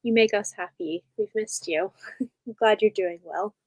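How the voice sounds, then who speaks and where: A woman's voice: medium pitch, lively intonation, measured pace, vocal fry, dry recording. A young woman chatting casually as co-host of a reading livestream, giggling often and reading out viewer comments.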